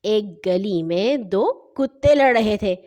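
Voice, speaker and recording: Expressive woman telling a kids' story. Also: mid-range voice. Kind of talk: children's story narration.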